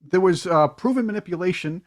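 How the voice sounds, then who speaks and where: A man's voice: sits high, expressive, brisk, a little hiss or hum. A man hosting a political panel, talking hesitantly with many restarts.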